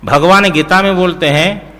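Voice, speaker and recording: A man speaking as a spiritual teacher gives a slow, explanatory scripture discourse in a large hall. His voice is high-pitched and sharp, and he chants verses and checks that his listeners are following.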